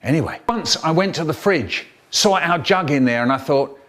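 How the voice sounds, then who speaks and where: A man's voice: a little high, lively intonation, normal speed, fairly bright tone. A man telling comic childhood stories in a playful way, with sound effects. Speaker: comedian. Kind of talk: comic storytelling.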